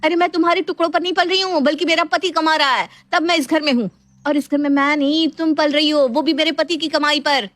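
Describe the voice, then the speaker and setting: An exasperated young wife in a cartoon story, answering back sharply in a fairly high voice, as a woman narrator plays her. The recording is dry and close. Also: animated, fast talker, a bit bright, no room sound. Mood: angry.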